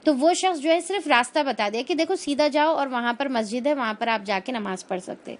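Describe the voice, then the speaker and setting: A woman giving a religious lesson, explaining verses with everyday examples and frequent filler phrases. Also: sits high. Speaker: Quran teacher.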